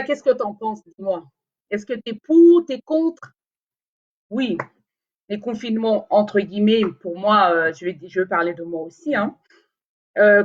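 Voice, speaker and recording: In a muffled recording, a woman with a medium-pitched voice chats casually to her viewers during a live video. Her first language is Lingala, and as a vlogger she rambles, filling her talk with fillers and restarts.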